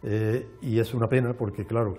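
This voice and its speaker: A man, a guest explaining in a measured, lecturing way with frequent restarts on a television show. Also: on the low side, fairly even intonation, warm tone, soft background music. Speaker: archaeologist guest. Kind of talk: explanatory interview talk. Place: television studio.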